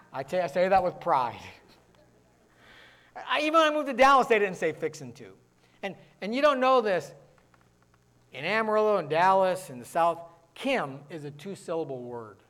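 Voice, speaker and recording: A man from the northern United States preaching a sermon as pastor, talking fast and mixing in joking asides. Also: high voice.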